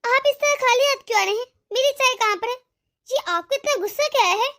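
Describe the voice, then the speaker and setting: A woman voicing a spoiled, demanding young daughter-in-law in an animated cartoon, with a haughty, scornful manner. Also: very high-pitched, a little fast.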